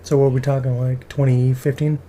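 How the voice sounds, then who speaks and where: A young man co-hosting a casual podcast, teasing and pushing with quick questions. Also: mid-range voice, level tone, mellow, a little hiss or hum. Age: young adult. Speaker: podcast co-host. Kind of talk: casual chat.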